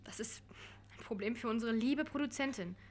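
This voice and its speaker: A woman's voice: a little high, a little fast, close to an everyday voice. A woman playing a soothing show counselor. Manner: soothing, steady, quiet. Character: calm production staffer acting as counselor.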